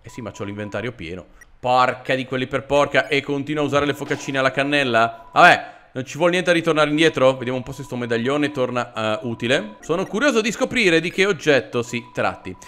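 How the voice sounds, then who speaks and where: A man with a sore throat giving sarcastic, animated commentary while playing a video game. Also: mid-range voice, brisk. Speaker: let's play host. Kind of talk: gameplay commentary.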